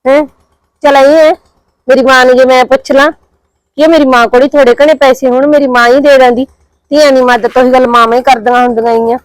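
A woman's voice: high-pitched, level tone, fast talker, clean tone, no echo, natural voice, rough recording. A woman playing an anxious young housewife with a Punjabi accent, muttering her worries to herself. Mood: worried. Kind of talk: drama monologue.

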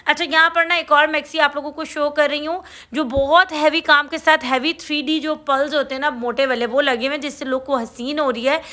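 A woman with a Karachi Urdu accent narrates a market shopping tour, her voice high-pitched and bright. She talks in a chatty, eager way, reeling off prices as she goes. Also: fairly even intonation, fairly quick, hardly any pauses. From Pakistan. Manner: chatty, enthusiastic, listing prices. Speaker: shopping vlogger.

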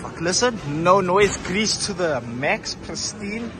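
A man's voice: high-pitched, expressive, slow pace, noisy background. A young man, bluntly rating gym cables in casual chat with some swearing. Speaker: gym goer. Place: large indoor gym. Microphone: handheld phone camera. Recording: music playing behind.

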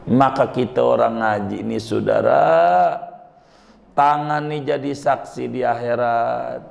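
A man's voice: medium pitch, slow, vocal fry, a little mellow. A male preacher giving a conversational sermon, teasing the listeners with rhetorical questions. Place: mosque.

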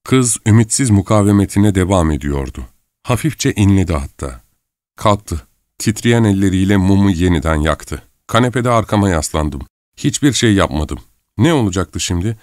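A man narrating a novel in the first person in a measured, reflective way, on a close studio mic. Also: deep voice, expressive, darkish tone, no echo. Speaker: audiobook narrator.

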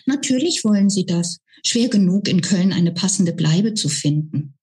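A woman reading a novel aloud and voicing an excitable, flamboyant young man who squeaks and gushes. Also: normal speed, close to an everyday voice. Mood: cheerful. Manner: squeaky, gushing.

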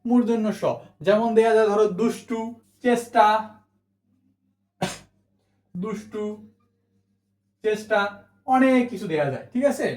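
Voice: mid-range voice, a little slow, long pauses, a little mellow, echoey room. A teacher giving an exam-prep spelling lesson, repeating each rule and asking questions back to the students, with English words mixed in. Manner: repeats rules and asks rhetorical questions; mixes English words into the talk.

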